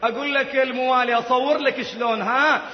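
A very high-pitched man delivers a religious sermon in slow, drawn-out, emotional phrases. His voice rings through a long, reverberant hall with a dull, muffled tone. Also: steady tone. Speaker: preacher. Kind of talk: Shia religious sermon recounting a story. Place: large shrine courtyard. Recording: echoey hall, dull sound, faint noise.

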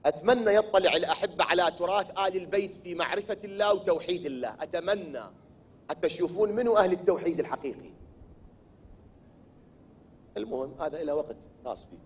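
A high-pitched male preacher with an Iraqi accent delivers a sermon. He keeps asking his listeners questions and answering them himself. He sometimes builds up to loud, forceful declaiming. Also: fast, breathy edge. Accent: Iraqi Arabic. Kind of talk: religious sermon.

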